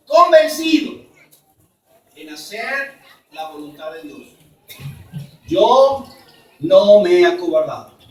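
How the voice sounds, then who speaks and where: High-voiced male preacher in an echoey hall. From Mexico. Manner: emphatic, drops to soft low asides. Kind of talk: sermon. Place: church conference hall. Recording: roomy echo, from far off.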